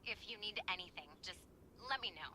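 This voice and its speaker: A woman's voice: mid-range voice, lively intonation, a little fast, pushed and bright. An actress playing an eager, starstruck young woman historian in video game dialogue. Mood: warm, hopeful. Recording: game audio with faint ambient noise.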